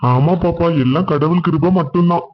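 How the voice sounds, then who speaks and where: Man voicing a kind devout father in a cartoon, calm, reassuring, fairly high voice, dull lo-fi sound. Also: brisk, lightly acted. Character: gentle, devout poor father.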